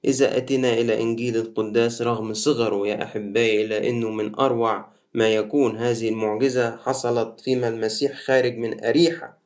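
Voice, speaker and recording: An Egyptian priest delivers a sermon, talking to his congregation as if in conversation. His voice sits at an ordinary middle pitch for a man. He slips from everyday phrasing into formal, scriptural wording and back again. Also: little pitch movement, fast, darkish tone. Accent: Egyptian Arabic. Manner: conversational preaching, switching between colloquial and formal Arabic. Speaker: Coptic Orthodox priest.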